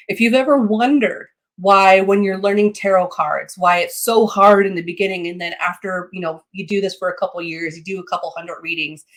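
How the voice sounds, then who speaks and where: A woman giving an informal, explanatory lesson as a teacher, phrasing things haltingly and checking in with short tags. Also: mid-range voice. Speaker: teacher of meditation and psychic development.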